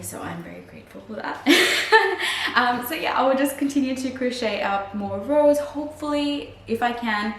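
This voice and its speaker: A woman chatting casually to her vlog audience as a crocheter, with a wry, self-deprecating manner. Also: mid-range voice. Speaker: crochet vlogger. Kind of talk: casual chat to camera, vlog. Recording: roomy, distant mic, faint hiss.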